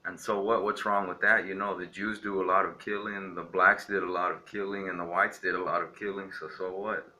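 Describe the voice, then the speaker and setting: A young Texan vlogger rants defiantly in a rambling monologue to camera, heavy on "you know." His low voice is flat, bright and forceful, and he talks briskly with hardly any pauses.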